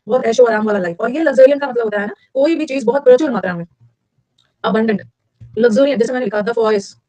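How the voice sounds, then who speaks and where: A middle-aged woman teacher races through a vocabulary lecture, drilling key words by repetition and firing questions at her students. Her slightly high, somewhat mellow voice is recorded close and dry, and the audio is poor.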